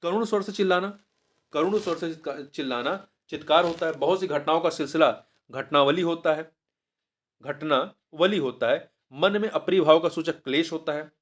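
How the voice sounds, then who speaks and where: A man with a somewhat raised voice works through a test paper question by question. He explains each answer and then says the key word again, slowly and clearly. Now and then he breaks off mid-word to correct himself. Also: fairly high pitch. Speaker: exam prep teacher.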